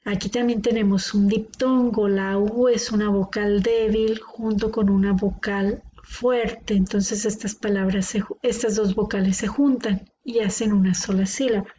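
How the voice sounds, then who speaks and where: A woman's voice: medium pitch, fairly even intonation, measured pace, few pauses, warm tone. A woman teaching a grammar lesson, patiently sounding out words syllable by syllable. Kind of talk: classroom grammar explanation. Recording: dull lo-fi recording with faint noise.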